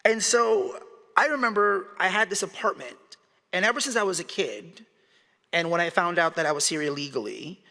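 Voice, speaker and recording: In a large hall with long reverb, a man in his forties from the Philippines lectures conversationally as a guest speaker and keeps asking the audience questions. His high-pitched voice is gravelly, pushed and bright, at a normal speed.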